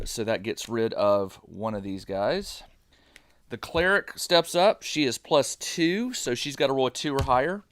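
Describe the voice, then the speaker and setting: A man's voice: medium pitch, clean tone, no room sound. A middle-aged man casually narrating a solo tabletop dungeon game, explaining each dice roll step by step in a chatty way. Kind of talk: casual play-through narration. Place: home gaming room with motion sensor lights.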